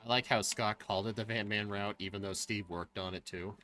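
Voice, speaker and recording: A man's voice: lowish voice, fairly even intonation, fairly quick, pushed and bright, faint music behind. A man streaming a speedrun, chatting casually and teasing his co-hosts bluntly. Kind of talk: casual chat while gaming.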